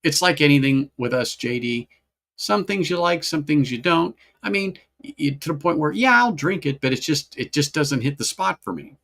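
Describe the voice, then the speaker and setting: A man's voice: on the high side, animated, moderate pace, creaky, a bit bright. A man hosting a casual whiskey-tasting livestream, rambling, repeating himself and greeting chat viewers by name.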